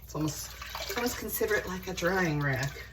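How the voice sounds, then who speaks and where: A woman with a low, deep-set voice talks to her camera at home. She is middle-aged and chats candidly and loosely, circling back on herself and leaning on fillers as she goes. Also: expressive, moderate pace, background noise. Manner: rambling and candid, with many fillers. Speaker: vlogger. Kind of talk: casual home vlog chat.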